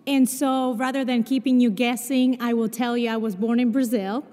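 A woman preaches in a large chapel. Her voice sits high, and the long reverb of the hall trails after each phrase. She has a Spanish and Portuguese accent and tells stories with self-deprecating humor. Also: steady tone, moderate pace, dark tone. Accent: Spanish and Portuguese mix. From Argentina. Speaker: chapel speaker. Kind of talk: sermon. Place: large chapel, live service.

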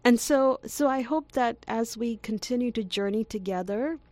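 A woman's voice: fairly high pitch, normal speed, darkish tone, dry recording. A woman co-hosting a radio hour, sharing thoughtful reflections on faith with frequent fillers. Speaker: radio show co-host.

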